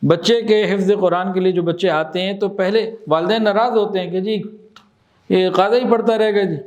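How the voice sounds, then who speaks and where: A man teaching in a religious talk, explaining with examples, asking his listeners questions and repeating phrases slowly for emphasis. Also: high voice, darkish tone, dull audio. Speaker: Islamic teacher.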